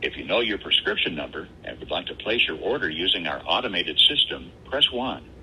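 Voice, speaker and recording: A man's voice heard as a recorded phone menu message, giving automated pharmacy prompts in an even, announcing manner. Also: low-pitched, brisk, a little hiss or hum, low-quality recording. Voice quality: evenly paced, announcing manner.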